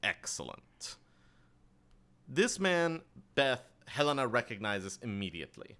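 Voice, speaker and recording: A man narrating as game master in a relaxed, rambling way with many fillers. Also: mid-range voice, measured pace.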